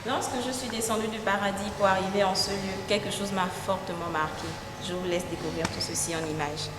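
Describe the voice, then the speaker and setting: A woman presenter speaks in a clear, steady announcing voice with a playful edge. Her voice rings in an echoey room. Her pitch sits in the middle for a woman. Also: fairly quick. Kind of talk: scripted news presenting.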